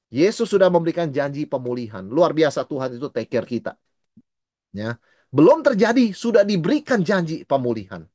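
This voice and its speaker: A middle-aged man teaches scripture as a pastor, with a voice at a middle pitch that swings up and down in an animated way. He slips English words into his talk and briefly acts out the people he quotes. The sound is dry, with no room echo around him. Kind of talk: Bible study teaching.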